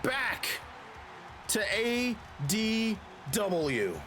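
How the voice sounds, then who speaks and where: A man giving excitable play-by-play as a wrestling commentator, shouting and stretching out the big calls. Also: sits high, drawn-out words, soft background music.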